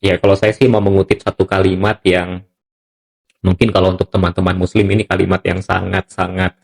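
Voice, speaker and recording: A man hosting a podcast, talking in a relaxed, conversational way with frequent chuckles and emphatic asides. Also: low voice, a little fast, gravelly. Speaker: podcast host.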